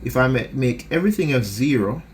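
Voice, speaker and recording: A man's voice: medium pitch, lively intonation, slight background noise. A man teaching a lecture, explaining a diagram step by step and checking in with the class often. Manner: unhurried, checks in with "right?" often.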